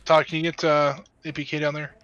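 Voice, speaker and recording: Bright-voiced man on muffled voice chat. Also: on the high side, completely flat delivery, brisk. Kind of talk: casual race control chatter. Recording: dry, dull lo-fi voice chat.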